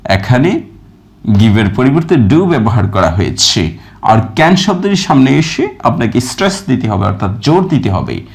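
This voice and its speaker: Man, teacher, lively rising and falling pitch, slow stressed example sentences, patient explaining. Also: vocal fry. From Bangladesh. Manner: reads English examples slowly and with stress, then glosses them. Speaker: English teacher. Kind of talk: explaining grammar in a recorded lesson.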